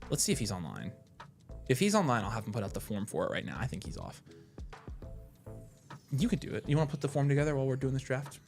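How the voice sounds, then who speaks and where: A man co-hosting a casual livestream, chatting excitably with quick asides and frequent restarts. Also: medium pitch, vocal fry, faint music behind. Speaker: livestream co-host.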